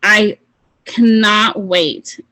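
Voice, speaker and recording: A young woman leading a team call with a fired-up motivational pep talk, casual and excitable. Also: medium pitch, extremely slow, no room sound, poor audio. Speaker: team leader of a sales call.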